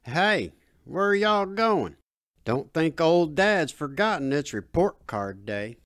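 A man reading the part of a gruff but proud middle-aged redneck father with a drawl. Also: a little high, big pitch swings, slow pace, a bit bright, no room sound, studio quality, heavily acted. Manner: drawling dialect.

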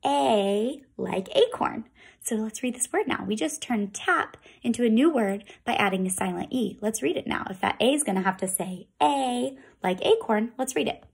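A woman teaching a phonics lesson to kindergarten children, with slow, sing-song teacher talk and drawn-out sounds. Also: a little high, lively intonation, gravelly, husky.

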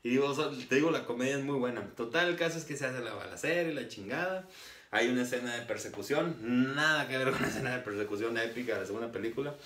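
A man's voice: medium pitch, fast talker, a bit bright. Mexican guy rambling through a movie recap, slangy, laughs a lot, kinda far off the mic. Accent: Mexican Spanish. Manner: slangy, laughing, retelling scenes with acted quotes. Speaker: movie reviewer. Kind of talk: casual spoken film recap. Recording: roomy echo, distant from mic.

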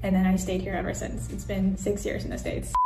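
A woman in her twenties from Taiwan, talking casually through her work day in a vlog, with a relaxed manner and frequent "like". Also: mid-range voice, a little fast, creaky. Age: 20s. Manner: relaxed, uses "like" often. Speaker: business analyst vlogger. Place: apartment home office, indoors. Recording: background music under voice.

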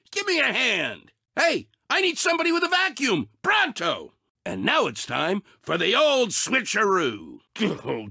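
A man voicing Anger, a short-fused, sarcastic cartoon emotion in a video game, with a raspy, blustering, exasperated delivery. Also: very high voice, bright, forceful tone, no room sound, clean studio sound, exaggerated voice. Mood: urgent, irritated. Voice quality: raspy, gravelly, tense. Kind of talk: animated video game character acting.

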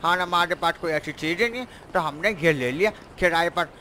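A man's voice: a little high, fairly quick. A man with a Pakistani Urdu accent doing casual in-character game roleplay, brash and teasing, calling his viewers his sons. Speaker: gaming vlogger and roleplayer. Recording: loud traffic and engine noise.

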